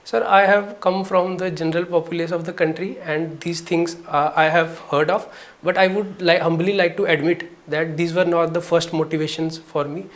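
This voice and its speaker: A young man from Jammu and Kashmir answering interview questions politely and deferentially, pausing often to gather his words. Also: fairly high pitch, steady tone. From Jammu and Kashmir, India. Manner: polite, deferential, hesitant with many pauses. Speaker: interview candidate.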